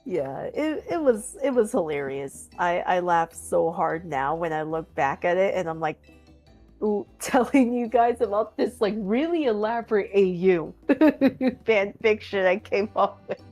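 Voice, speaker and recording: A woman's voice: mid-range voice, animated, unhurried, darkish tone, soft background music. A woman chatting casually on a stream, rambling with many fillers and frequent giggles. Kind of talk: casual chat.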